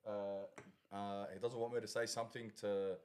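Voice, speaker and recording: A man hosting a casual podcast, joking around and laughing often between quick asides. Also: lowish voice, level tone, clean tone. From Australia. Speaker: podcast host and shop owner.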